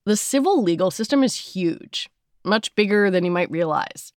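A woman's voice: medium pitch, lively intonation, moderate pace, smooth, dry recording, clean studio sound. A woman hosting a podcast, moving between scripted narration and interview questions. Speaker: podcast host.

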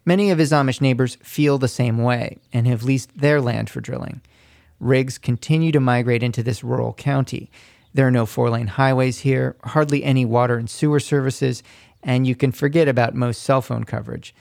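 A man narrating a scripted radio feature report in a measured, descriptive way. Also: mid-range voice, fairly even intonation, creaky, a little mellow, no room sound, studio quality.

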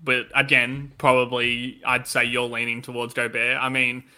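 A man's voice: medium pitch, monotone, normal speed, pushed and bright, clear, resonant tone. A man co-hosting a casual sports podcast with analytical, conversational talk, his voice affected by tonsillitis. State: tonsillitis-affected voice that comes and goes. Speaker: podcast co-host.

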